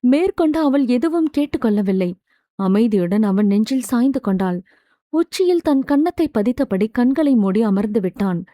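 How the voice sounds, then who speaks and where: A woman narrates a romance novel in a steady, expressive reading voice. Her tone is mellow, and the recording is dry and close with no room sound. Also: a little high, normal speed, no echo. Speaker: audiobook narrator.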